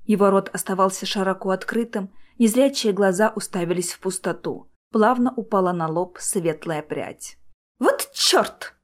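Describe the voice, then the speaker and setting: A woman reading a first-person audiobook in a steady, tense storytelling manner. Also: mid-range voice, normal speed, hardly any pauses. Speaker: audiobook narrator.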